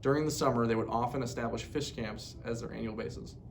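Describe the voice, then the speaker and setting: Speaking briskly with a fairly even intonation, a man delivers a formal, scripted educational narration. It was captured on a low-quality mic with an obvious rumbling noise behind him.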